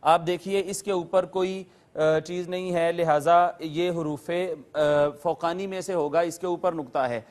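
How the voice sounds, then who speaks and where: A man with a notably high-pitched voice gives a methodical lecture as a Quran teacher. He moves patiently from term to term, defining each and repeating it for his viewers. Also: fairly even intonation, darkish tone. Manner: addresses viewers politely. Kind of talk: lecture explaining Arabic letters and recitation rules.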